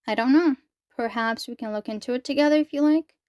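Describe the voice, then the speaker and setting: Give me a woman reading a sugary, affectionate mother, smooth voice. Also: high voice, fast, a little mellow, no echo, studio quality, lightly acted. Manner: syrupy, generic endearments. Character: overly sweet, affectionate adult mother.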